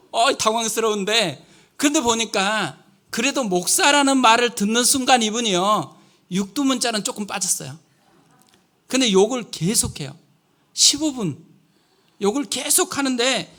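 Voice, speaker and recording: A man preaching a sermon as a guest pastor in a church, telling a personal story in a lively way and asking the congregation questions. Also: high voice. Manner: storytelling, vivid and animated, asks the congregation questions. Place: church sanctuary.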